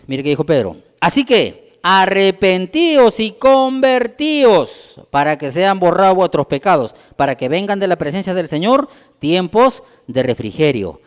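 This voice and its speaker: A pastor preaching a sermon, emphatic and repetitive, firing rhetorical questions at the congregation. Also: male voice, on the high side, expressive, normal speed. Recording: dull lo-fi sound with long hall reverb.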